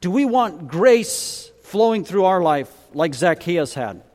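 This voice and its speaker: A man's voice: sits high, sing-song, slow, a little mellow. A man preaching a storytelling sermon, telling it dramatically and acting out the dialogue. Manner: dramatic, acts out dialogue in varied voices. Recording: long hall reverb.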